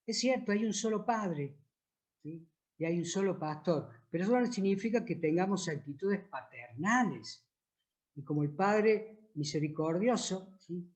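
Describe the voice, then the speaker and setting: High-voiced Argentine priest telling anecdotes. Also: male voice. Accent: Argentine Spanish. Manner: anecdotal, acts out dialogue with lively pitch jumps. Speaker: priest and author. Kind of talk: storytelling at a book presentation.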